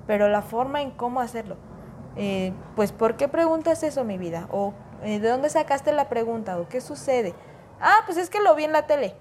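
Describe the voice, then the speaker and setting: A woman's voice: fairly high pitch, normal speed, a little hiss or hum. A woman in casual conversation, talking about raising children and acting out the voices of kids and parents. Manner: animated, acts out quoted voices.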